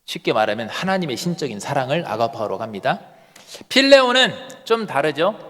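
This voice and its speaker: Male pastor preaching a sermon, kinda high voice, long church hall echo. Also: big pitch swings, brisk, bright, forceful tone. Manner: earnest preaching with rhetorical questions. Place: church sanctuary.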